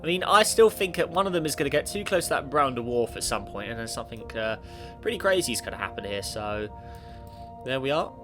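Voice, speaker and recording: This gaming YouTuber, sniffly from a cold, speaks a little fast at medium pitch with lively intonation during casual play of a space simulation game. He meanders, corrects himself and addresses the game directly, with clear background music throughout.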